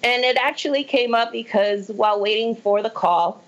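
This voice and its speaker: Female caller from Puerto Rico, a bit high-pitched, chatty and rambling. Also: moderate pace, dull audio. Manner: chatty, rambling, laughs as she talks. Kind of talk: phone-in question.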